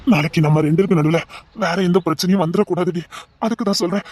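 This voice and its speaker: A man's voice: sits high, steady tone, fast, a little mellow, no room sound. A man voicing a guilt-ridden young man who earnestly urges his beloved to hear his confession, in an audio drama. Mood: urging. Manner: earnest, urging, addresses her intimately.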